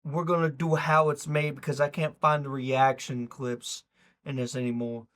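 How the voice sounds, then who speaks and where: A man's voice: medium pitch, level tone, normal speed, a bit bright. A man streaming live, reacting to a video in loose, rambling chat, swearing and talking to his viewers.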